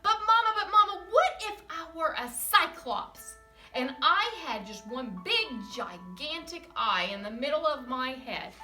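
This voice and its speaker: A woman voicing a pleading little child from a storybook, asking question after question in a high, eager, drawn-out voice. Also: very animated, pushed and bright, echoey room, faint music behind, full character voice.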